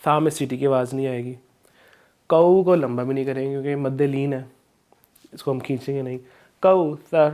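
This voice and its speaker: A man teaching an Islamic studies lesson with a Pakistani Urdu accent, explaining rules slowly and chanting verses in drawn-out recitation. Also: mid-range voice, steady tone, a little mellow. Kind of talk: recorded video lesson with Quran recitation.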